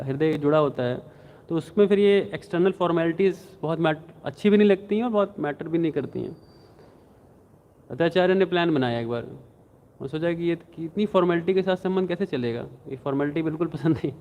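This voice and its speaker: A man giving a devotional scripture class, telling stories and acting out the quotes with animation. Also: brisk. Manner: animated, acts out quotes with rising pitch. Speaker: devotional lecturer. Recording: tinny phone-like sound.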